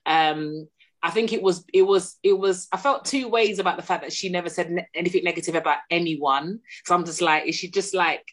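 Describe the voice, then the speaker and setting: A woman's voice: fairly low pitch, fairly quick. A woman, thinking aloud in emphatic, slangy casual chat.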